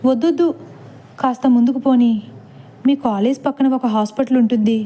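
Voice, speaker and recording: Woman voicing a soft-spoken, hesitant young husband. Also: a little high, fairly even intonation, moderate pace, lightly acted. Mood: hasty. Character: young husband faking illness, placating.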